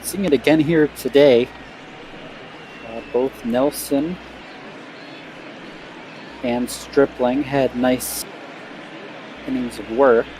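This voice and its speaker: A man calls a baseball game play-by-play in an easygoing, conversational way. His voice sits at a middle pitch, and a steady hiss of noise runs under it. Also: takes it slowly, long pauses, low-quality recording. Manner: relaxed, chatty, self-deprecating. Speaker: play-by-play commentator. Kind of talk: casual play-by-play of a simulated game.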